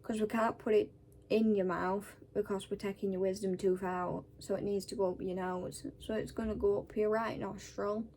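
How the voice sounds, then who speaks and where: A woman's voice: medium pitch, level tone, normal speed, dark tone. A woman with a Northern English accent chatting casually and bluntly, worn out and scratchy-throated after having a wisdom tooth out. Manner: sweary, blunt. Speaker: vlogger. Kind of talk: casual personal storytelling to camera.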